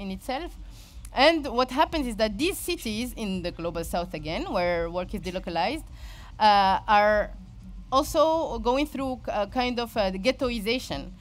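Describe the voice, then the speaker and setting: Woman, Moroccan accent, informal presenter; hesitant delivery that keeps circling back to find the right word. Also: mid-range voice. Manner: halting, searching for words, frequent repetition. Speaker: speaker giving a talk.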